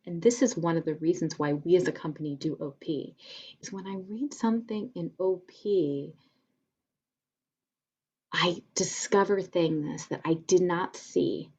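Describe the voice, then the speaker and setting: A woman's voice: on the low side, a little mellow, breathy edge, lo-fi sound. A woman leading a theater company presentation, explaining spellings and reading sonnets aloud in a casual, filler-filled way. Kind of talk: informal lecture with readings of sonnets.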